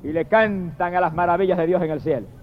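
Talking fast, a male preacher with a high-pitched voice gives an impassioned evangelical sermon, declaiming emphatically, drawing out lofty phrases, and speaking straight to his audience. The recording sounds dull and lo-fi.

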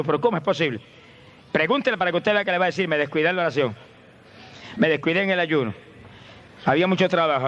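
A man preaching a fervent sermon, swinging from low murmurs to high shouted praise. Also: muffled recording.

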